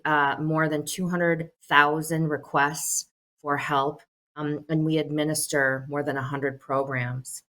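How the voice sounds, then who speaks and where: Low-pitched and fairly bright, this voice comes from a middle-aged woman from the United States who leads a social services agency. She offers earnest prepared remarks on a telephone town hall, with frequent "um" fillers.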